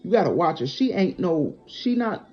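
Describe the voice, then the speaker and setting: A woman's voice: lowish voice, normal speed. A middle-aged woman telling a personal story casually and bluntly, acting out what people said, in a dull lo-fi recording. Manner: animated, blunt, acts out quotes. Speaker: storyteller vlogger.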